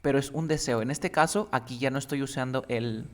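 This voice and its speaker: A man's voice: medium pitch, a little fast. A man teaching English one-on-one, giving feedback patiently and explaining step by step while often checking that his student understands.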